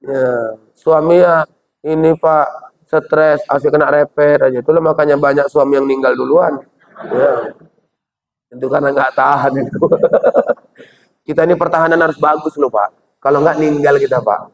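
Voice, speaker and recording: Male preacher with a Medan Indonesian accent, playful and jokey, voice sitting a bit high, muffled lo-fi recording. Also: steady tone, moderate pace, long pauses. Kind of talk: humorous sermon. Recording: dull lo-fi recording.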